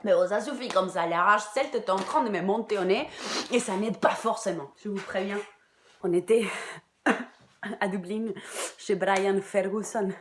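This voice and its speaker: A woman's voice: medium pitch, measured pace, reverberant, background noise, close to an everyday voice. An actress playing a heartbroken, bitter Irish woman in a theatre monologue, crude and sardonic, sometimes dropping to a whisper. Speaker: actress in a one-woman show.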